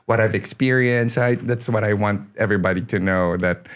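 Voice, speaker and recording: A low-voiced man from the Philippines, a guest on a podcast, talks casually and laughs easily. He fills his sentences with ums and restarts as he goes. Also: a little fast, smooth. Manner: chatty, laughs often, many fillers and restarts. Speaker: podcast guest, singer-songwriter. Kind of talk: casual interview chat.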